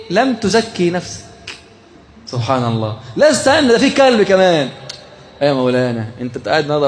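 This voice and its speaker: A man with an Egyptian accent giving an animated, joking religious lecture, often firing questions at his listeners. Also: on the high side, slight background noise. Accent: Egyptian Arabic. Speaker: religious teacher. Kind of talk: lively religious lecture to a live group.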